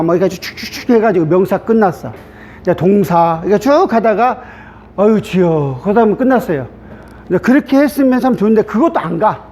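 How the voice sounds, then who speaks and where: A middle-aged man, a pastor, giving a chatty classroom lecture on the Greek alphabet, checking in with the class often. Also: a little mellow. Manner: chatty, repetitive, asks class "됐죠?". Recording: dull low-fi sound with faint hiss.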